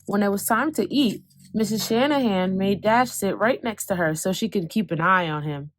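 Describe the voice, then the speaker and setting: A woman reads a children's picture book aloud with lots of expression, slowing for the calm parts and quickening when things get exciting. Her voice sits in the mid range, and the audio quality is poor.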